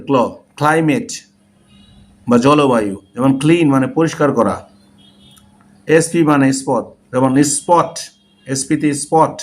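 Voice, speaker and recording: Higher-pitched man dictating a lesson. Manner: slow, deliberate letter-by-letter dictation. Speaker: English teacher. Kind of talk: spoken language lesson.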